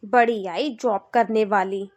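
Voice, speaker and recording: A woman's voice: medium pitch, steady tone, takes it slowly, a little mellow, close to an everyday voice. A woman voicing a bossy, complaining middle-aged mother-in-law in a cartoon, nagging and scolding.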